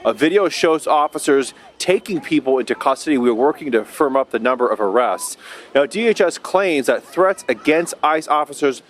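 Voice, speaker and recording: Brisk male news reporter. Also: fairly high pitch, slight background noise. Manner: brisk, even newsreader delivery.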